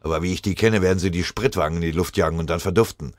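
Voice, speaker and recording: A man voicing a rough young soldier who curses and speaks bluntly. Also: sits low, rapid-fire, darkish tone, natural voice. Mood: grim. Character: gruff cursing young frontline soldier.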